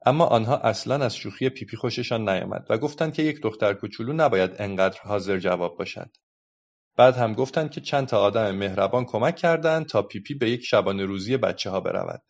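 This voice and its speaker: A man reading a children's book aloud as a calm storyteller, in a dull lo-fi recording. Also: lowish voice, vocal fry.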